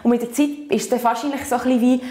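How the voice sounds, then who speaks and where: Her tone is warm and her voice a little high, with fairly even intonation, but she races along as she leads a learner through stretches and back exercises. The Swiss-accented instructor is patient and encouraging, frequently closing phrases with a questioning "oder?".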